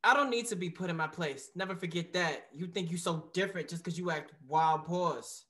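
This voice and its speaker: A student playing a cocky teenage boyfriend who talks in loud, mocking slang in a student play. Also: mid-range voice, fairly quick, lightly acted.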